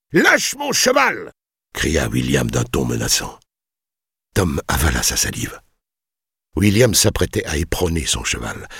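Very deep, gravelly male narrator. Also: no room sound, studio quality. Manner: measured, dramatic storytelling. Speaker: audiobook narrator. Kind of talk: scripted narration of a novel.

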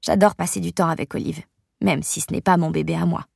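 A woman narrating a novel in the first person with an even, storytelling delivery. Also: sits low, fairly quick, creaky, breathy edge, no echo, clean studio sound. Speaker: audiobook narrator.

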